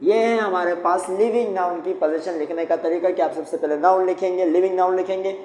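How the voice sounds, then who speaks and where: A man's voice: high voice, steady tone, fairly quick, a little mellow. A man teaching English grammar, patiently explaining each step and repeating key points. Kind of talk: classroom lesson at a whiteboard. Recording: echoey room, faint background noise.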